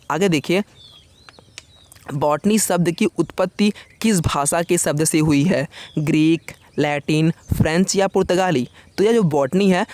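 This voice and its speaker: A male coaching teacher running a fast exam-prep quiz. He reads each question and its options in a quick list, then gives the answer in a casual, friendly way. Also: on the high side. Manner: quick, casual, keeps saying "yaar" to the viewer. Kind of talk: rapid-fire quiz revision lesson.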